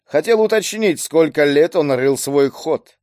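Male reader as a calm, sardonic man, unhurried and mocking. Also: fairly high pitch, no echo. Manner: dry mocking tone.

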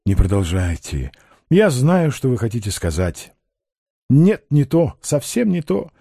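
A man doing an ironic, smooth-talking con man. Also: mid-range voice, sing-song, a little slow, mellow, no room sound, clean studio sound, exaggerated voice. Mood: assured. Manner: ironic, grandly eloquent. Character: smooth, ironic male con man, adult, self-assured schemer.

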